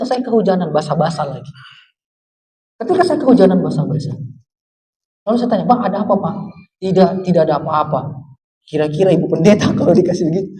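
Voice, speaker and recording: A man pastor telling a story in a sermon, acting out the dialogue with sudden loud outbursts. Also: high voice. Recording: preacher heard from a distance.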